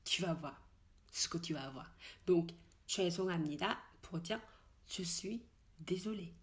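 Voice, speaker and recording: A woman teaches in French with frequent fillers and restarts. She slowly repeats each expression several times so it can be copied. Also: lowish voice. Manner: slow, repeated model pronunciations of Korean words. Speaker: Korean language teacher. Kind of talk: casual spoken language lesson.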